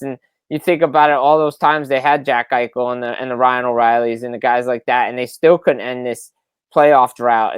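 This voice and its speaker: A man's voice: medium pitch, clear, resonant tone, no room sound. A man hosts a sports podcast, making his case emphatically and circling back to the same points again and again. His voice is clean and resonant, recorded dry with no room sound. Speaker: podcast host. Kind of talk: casual sports talk.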